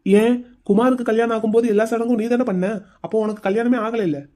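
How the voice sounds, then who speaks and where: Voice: mid-range voice, fairly even intonation, fast talker, dark tone, natural voice. A voice actor playing a curt, protective young husband in a cartoon story, speaking firmly. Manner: firm, curt.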